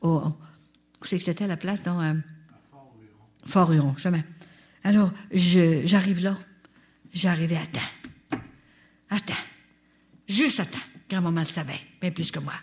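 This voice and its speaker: An older woman with a Canadian French accent, telling a testimony at a religious retreat in an animated way and turning often to her listeners. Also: fairly low pitch, a little slow, pauses often. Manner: animated, talks straight to the audience. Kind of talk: testimony storytelling.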